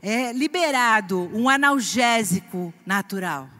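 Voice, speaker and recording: A woman's voice: on the high side, measured pace. A woman interpreting a sermon live, energetically echoing the preacher's emphasis. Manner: energetic, echoes the preacher's emphasis, some restarts. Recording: echoey church hall with long reverb.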